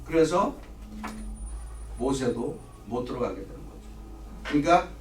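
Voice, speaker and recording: A middle-aged man's expressive mid-range voice comes from a distance in an echoey room, with a little hiss or hum. Leading a church Bible study at a measured pace, he lectures and answers his own rapid questions to the class.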